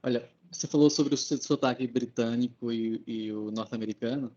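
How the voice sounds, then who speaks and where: A man's voice: mid-range voice, steady tone, brisk, mellow, highs cut off. A man from Alagoas, Brazil, with an Alagoas accent, a guest in a casual conversation who explains his views step by step. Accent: Alagoas Brazilian Portuguese, with a drawn-out R.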